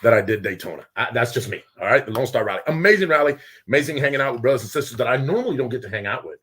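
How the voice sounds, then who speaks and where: Man, studio show host, loud, excitable, laughing often, casual talk. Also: medium pitch, very fast, slightly rough. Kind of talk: casual live show hosting. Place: small studio with guests.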